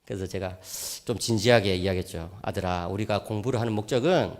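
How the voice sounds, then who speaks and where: A middle-aged man giving a sermon as a professor at a church camp, animated, often prodding listeners with quick questions and joking with the audience. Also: fairly low pitch. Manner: jokes with the audience.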